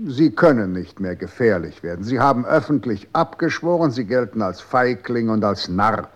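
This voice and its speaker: An actor playing a cold, condescending official in a 1960s radio drama, calm and authoritative. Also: male voice, mid-range voice, normal speed, natural voice.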